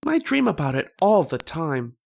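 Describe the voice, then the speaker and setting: A man performs a full character voice as a dreamy, insistent young boy in an old-time radio drama. Fairly high and creaky with huge pitch swings, he speaks in a halting, earnest, childlike way.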